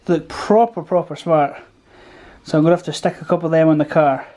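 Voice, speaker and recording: Excitable man gushing over an unboxing. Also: on the high side, brisk. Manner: excitable, laughs often, gushing exclamations. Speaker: car enthusiast vlogger. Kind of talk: casual unboxing vlog.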